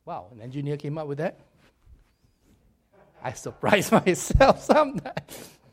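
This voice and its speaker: Hoarse and a bit raspy from a recent cold, a man delivers a sermon slightly high and slightly slow. He keeps it animated and chatty, poking fun at himself and telling stories at length.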